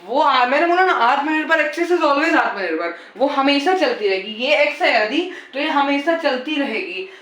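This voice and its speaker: A man's voice: very high voice, lively intonation, normal speed, few pauses, pushed and bright, roomy sound. A man teaching physics in a casual lecture style. He repeats key points and coaxes and teases his students as he goes. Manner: repetitive, coaxing, teasing the students.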